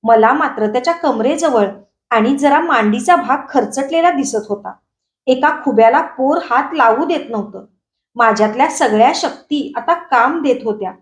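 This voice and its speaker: A woman reading a short story aloud in a steady, dramatic storytelling manner. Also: high voice, normal speed, reverberant. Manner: steady dramatic storytelling, rising for shouted quotes. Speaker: story reader.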